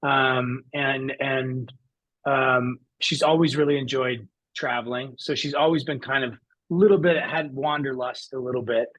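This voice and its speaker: Man, interview guest, earnest and reflective, mid-pitched voice. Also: steady tone, measured pace, fairly bright tone, muffled recording. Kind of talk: conversational interview.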